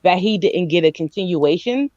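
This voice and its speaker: An excitable woman chatting on a movie review podcast. Her voice comes through muffled and lo-fi. The sound is dry and close, with no room around it. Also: fairly low pitch, normal speed, no echo. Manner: excitable, acts out scenes with squealing quoted voices. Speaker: podcast co-host. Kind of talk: casual movie review chat.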